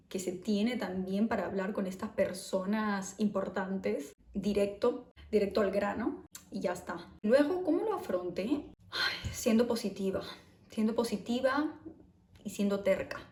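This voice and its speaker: A woman's voice: medium pitch, darkish tone. Peruvian woman chatting on her vlog, reflective, keeps tagging "no?", echoey room. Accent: Peruvian Spanish. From Peru. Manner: chatty, reflective, tags phrases with "¿no?". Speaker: vlogger. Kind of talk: casual personal vlog.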